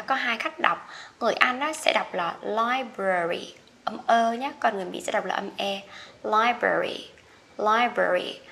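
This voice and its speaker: A woman teaching English pronunciation, saying each word slowly and repeating it clearly for learners. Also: medium pitch, a bit bright, slight background noise. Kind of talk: pronunciation lesson.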